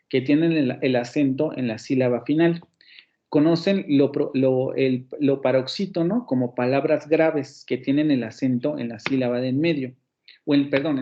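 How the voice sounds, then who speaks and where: A man's voice: mid-range voice, mellow, lo-fi sound. A man with a Mexican Spanish accent teaching a university phonetics class online. He explains patiently, restarts his sentences often and keeps checking in with the students.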